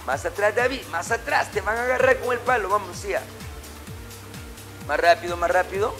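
Soft background music plays while a middle-aged martial arts instructor, speaking in a high, somewhat bright voice at normal speed, gives his class short, commanding, repeated orders and corrections. The class takes place in an indoor gym with a matted floor.

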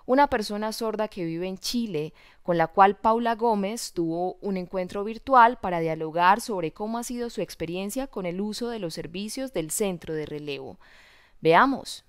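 Smooth-voiced woman reading news. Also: medium pitch, normal speed, no echo, clean studio sound. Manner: formal, announcer-like reading. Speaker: voice interpreter for a news presenter. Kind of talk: scripted news narration.

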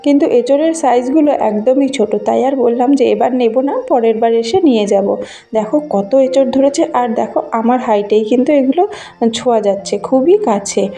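This village vlogger, a woman in her thirties from Bengal, speaks at normal speed in a slightly high voice. She strolls through a rural garden and fields with her phone camera in hand, chatting warmly and showing viewers things along the way.

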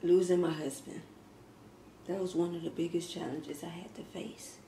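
Casually answering questions while she eats, a mukbang vlogger in her thirties laughs often and speaks between bites. Her mellow voice sits on the low side, with a steady tone at normal speed. The echoey home kitchen carries faint ambient noise, and a fixed camera across the table does the recording.

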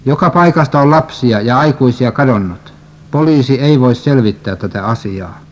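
A man steadily reading a religious prophecy story and scripture aloud, at an even pace, on a dull lo-fi recording. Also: mid-range voice. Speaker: reader.

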